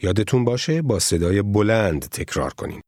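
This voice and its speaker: A man with a fairly low voice narrates a language course in a measured, formal way. The sound is dry and close, with no room around it. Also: expressive, darkish tone, dry recording. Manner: measured, formal teaching delivery. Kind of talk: scripted instructional narration.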